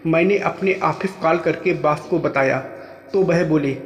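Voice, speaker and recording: A man's voice: a little high, a little slow, dull audio. Man narrating a story in an echoey room. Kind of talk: first-person story narration. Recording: echoey room with long reverb.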